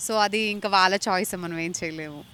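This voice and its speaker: A woman's voice: fairly low pitch, brisk, pushed and bright, clear, resonant tone. A young woman from India answering interview questions earnestly and mixing English phrases into her speech. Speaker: actress interviewee.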